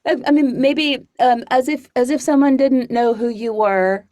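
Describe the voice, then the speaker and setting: A woman's voice: high voice, steady tone, normal speed, dark tone, no echo, studio quality. A woman hosting a casual call interview, hesitant and laughing, with many fillers. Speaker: host.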